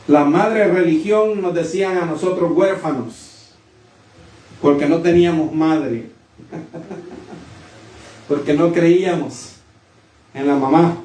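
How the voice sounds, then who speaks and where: Male preacher, high-pitched, storytelling sermon style, distant mic in a roomy church. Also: mellow. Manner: storytelling, with rising emphatic declarations. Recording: echoey room from a distant mic.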